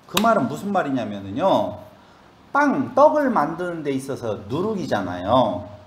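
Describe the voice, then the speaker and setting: Male pastor, fairly high voice, very lively delivery, roomy church reverb; for an engaging Bible teaching. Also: normal speed, a little hiss or hum. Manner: animated, questions the congregation. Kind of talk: Bible study sermon.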